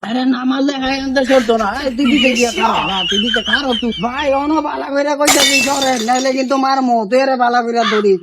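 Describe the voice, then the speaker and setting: A man's voice: very high voice, steady tone, fast talker, hardly any pauses, heavy background noise. A man playing a muddled, belligerent drunk in a comedy skit, rambling with a Bangladeshi accent. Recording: music behind the voice.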